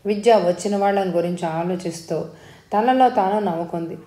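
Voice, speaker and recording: A woman narrating a story in a steady, even storytelling manner as an audiobook reader. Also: on the low side, moderate pace. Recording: roomy echo.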